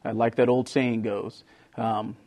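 A man's voice: medium pitch, level tone, unhurried, a little mellow. A man giving an informal, hesitant statement as a candidate in a political debate. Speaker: congressional candidate.

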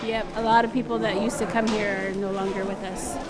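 A woman's voice: mid-range voice, flat delivery, a little fast. A woman who is a hall regular, chatting casually in an interview. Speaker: bingo regular. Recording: faint crowd chatter in public hall.

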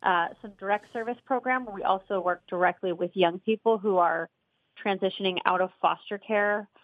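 A woman speaks as an expert guest on a talk show, at a middle pitch. Her unscripted answers halt mid-phrase, and the sound is a little dull and lo-fi, with no room echo. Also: normal speed. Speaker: interview guest, child welfare training director.

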